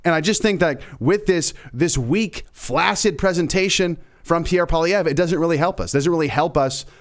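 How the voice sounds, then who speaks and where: A man's voice: on the high side, moderate pace. A young man hosting a casual political commentary livestream, sarcastic and emphatic, repeating words for effect.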